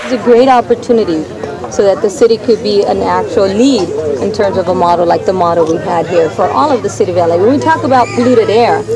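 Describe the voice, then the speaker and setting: A woman's voice: mid-range voice, quick pace. Female organizer, earnest, persuasive, crowd noise.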